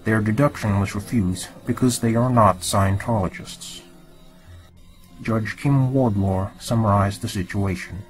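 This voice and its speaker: Guy with a disguised deep-ish voice reading a script, steady and formal, music going behind. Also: a little slow, rough recording. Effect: disguised, lowered voice. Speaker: anonymous narrator. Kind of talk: scripted narration.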